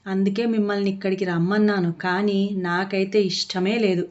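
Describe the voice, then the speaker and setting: A woman's voice: medium pitch, flat delivery, normal speed, darkish tone, lightly acted. A woman voicing a firm, blunt young daughter-in-law in a storybook reading. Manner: blunt, cutting. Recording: dull lo-fi audio.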